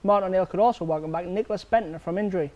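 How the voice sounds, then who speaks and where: High-voiced male sports newsreader. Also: racing, a little mellow, highs cut off. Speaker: sports news presenter. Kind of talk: scripted news reading.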